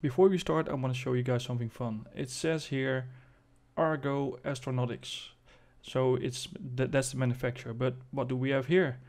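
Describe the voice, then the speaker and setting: Halting male game showcase host, slightly creaky. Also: medium pitch, steady tone, a little mellow. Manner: halting, thinking aloud as he demonstrates. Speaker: video host presenting a game spaceship. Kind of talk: casual game showcase commentary.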